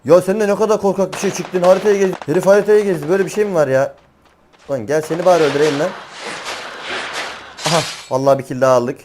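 A man's voice: high voice, quick pace, long pauses. A young man commenting on his gameplay as a gaming channel host, chatty, slangy and often exasperated. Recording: game gunfire noise underneath. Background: gunfire and game sounds.

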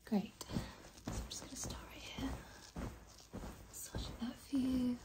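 A woman's voice: sits high, steady tone, measured pace. A young woman doing a whispered role-play as a massage therapist, murmuring short, reassuring phrases to a client. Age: young adult. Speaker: ASMR performer playing a massage therapist. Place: small bedroom, indoors.

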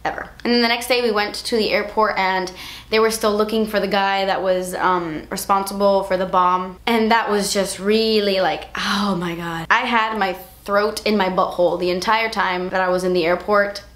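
A woman's voice: medium pitch, steady tone, moderate pace, a bit bright. A young woman vlogging in casual, emotional chat, saying "like" a lot. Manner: chatty and emotional, heavy use of "like". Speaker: beauty vlogger. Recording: roomy echo.

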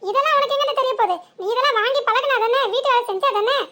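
A woman voicing a sharp-tongued young village wife in a comic cartoon, with a southern Tamil village accent and a scolding, sarcastic manner. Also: extremely high pitch, racing, noisy background. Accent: southern Tamil village dialect. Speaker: cartoon character.

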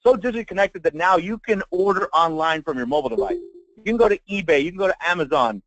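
Higher-pitched American salesman, dull lo-fi sound. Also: fast, a bit bright, no echo. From Texas, United States. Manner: emphatic sales pitch, folksy, addresses listeners directly. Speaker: marketing trainer. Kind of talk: live online sales training. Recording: dull lo-fi web conference audio.

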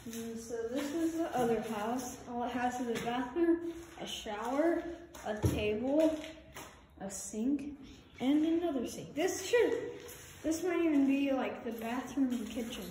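A woman with a fairly high voice talks casually as she explores overgrown grounds, filming on a phone she holds. She rambles and sometimes drops to hushed asides. Faint noise sits in the background. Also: animated, unhurried. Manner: chatty, dips into hushed asides. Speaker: vlogger exploring an abandoned farm. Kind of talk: casual handheld exploration vlog. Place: outdoors in an overgrown rural yard and derelict buildings. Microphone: phone camera held by the speaker.

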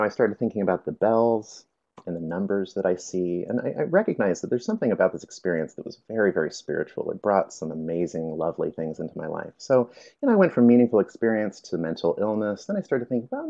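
A man's voice: low-pitched, gravelly, dark tone, muffled recording. A man presenting a workshop, telling his personal story in a reflective, hesitant way with frequent fillers.

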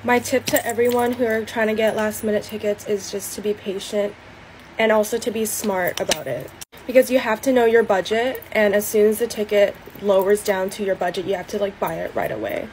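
A teenage girl talks through her makeup routine in a loose, chatty way, leaning on "like" and "um". Her voice sits at a middle pitch. A steady hiss of background noise runs under the recording. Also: fairly quick, low-quality recording. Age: late teens. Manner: chatty, casual, filler-heavy. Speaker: beauty vlogger. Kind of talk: get-ready-with-me vlog chat.

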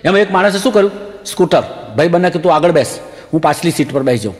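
A comedian rattles through stand-up jokes at a fast clip, his voice sitting on the high side. He's animated, laughs his way through the punchlines, and slips English phrases into his act.

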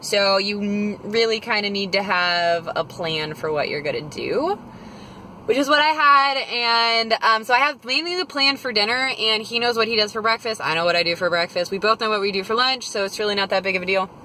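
Speaking fairly quickly in a mid-range, sharp tone, a vlogger in her twenties rambles casually through a grocery haul with lots of fillers. She holds her phone camera at arm's length, first in a parked car, then in a home kitchen, and the low-quality recording has slight background noise.

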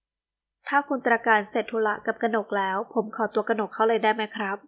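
A woman's voice: a little high, fairly even intonation, fairly quick, highs cut off, close to an everyday voice. A woman narrator voicing a jealous young man who apologizes politely. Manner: polite, formal speech.

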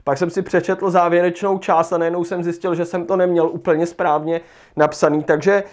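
A man's voice: high-pitched, level tone. A man leading a livestreamed lesson, thinking aloud as he rereads passages and works through an exam task. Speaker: Czech language teacher.

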